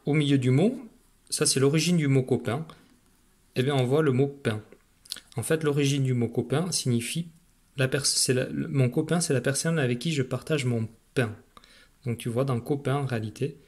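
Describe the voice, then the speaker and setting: A man teaching a phonics lesson to a young child, patient and encouraging, speaking straight to the learner. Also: medium pitch.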